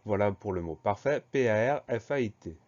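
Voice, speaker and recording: Male teacher, lowish voice, patient and methodical, walking children through spellings; dull, lo-fi recording. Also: lively intonation, darkish tone. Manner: slow, patient, spells words letter by letter.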